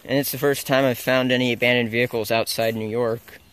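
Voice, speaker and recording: A man's voice: medium pitch, little pitch movement, brisk, a bit bright, slight background noise. Young man narrating a woodland walk. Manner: rambling, unsure, self-correcting. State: walking while talking. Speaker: explorer filming abandoned sites. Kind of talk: casual walking vlog narration. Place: outdoors in a forest. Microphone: handheld camera mic.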